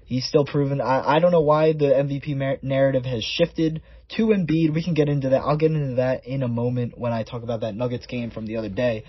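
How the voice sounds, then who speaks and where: A man's voice: medium pitch, steady tone, fairly quick, hardly any pauses, husky, no echo. A man hosting a solo sports podcast in a conversational, stat-by-stat way, his voice sounding muffled and underwater. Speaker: podcast host.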